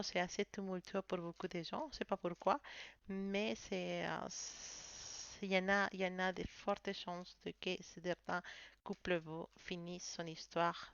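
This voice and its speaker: Woman tarot reader, lowish smooth voice, slow and halting delivery, dry, slightly dull recording. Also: a bit bright, no echo. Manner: hesitant, searching for words, many fillers. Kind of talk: monthly tarot reading video.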